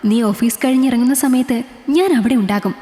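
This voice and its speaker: A woman's voice: fairly high pitch, a little fast, warm tone, close to an everyday voice. A woman voicing a playful, protective young man speaking to his girlfriend. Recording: echoey roomy reverb.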